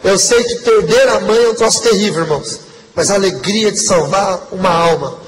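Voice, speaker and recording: A man's voice: sits high, moderate pace. A man giving an earnest, emotional testimony sermon to a congregation. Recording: long hall reverb, faint background noise.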